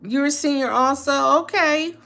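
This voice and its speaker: A woman's voice: high voice, moderate pace, creaky, pushed and bright. A woman in her late sixties chatting casually with live-stream viewers, earnest and heartfelt, repeating phrases for emphasis. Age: 60s. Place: indoors, apartment.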